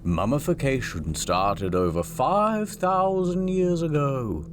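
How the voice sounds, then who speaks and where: A man narrating a comedic history video, wry and storytelling, with sudden swings in pitch. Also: very animated, slow pace, noisy background.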